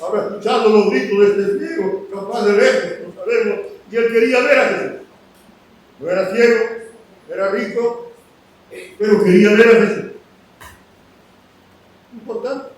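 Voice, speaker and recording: A man preaches a sermon in a high voice, raising it for the story's cries and dropping it for quiet asides. He sounds set back from the mic in a strongly echoing room. Faint ambience sits behind him. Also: moderate pace, pauses often, a little hiss or hum. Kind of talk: sermon retelling scripture. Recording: roomy echo from a distant mic with faint ambience.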